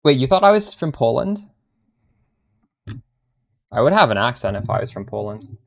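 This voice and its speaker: Very animated and speaking at a moderate pace, this Canadian man has a creaky, medium-pitched voice and a Canadian accent. He streams a game live, chatting casually and answering viewers' questions mid-play, though he often trails off in the middle of a sentence.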